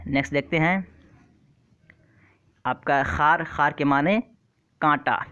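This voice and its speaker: A man's voice: on the high side, slow pace, bright, forceful tone, clear, resonant tone, lo-fi sound. A man teaching an exam-prep vocabulary lesson online, who often repeats terms and keeps asking his viewers questions. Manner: repeats words and quizzes the viewer.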